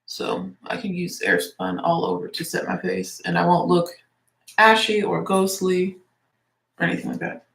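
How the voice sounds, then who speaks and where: Doing her makeup, a young woman who works as a beauty vlogger and teacher rambles through a casual get-ready-with-me chat. Her lowish voice is fairly bright but congested and stuffy, with vocal fry, flat delivery and a moderate pace. The room echoes.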